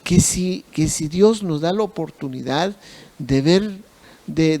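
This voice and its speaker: Slow-preaching male pastor, gravelly voice. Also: sits high, darkish tone. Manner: slow, repetitive preaching with emphatic repeated phrases. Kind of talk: sermon.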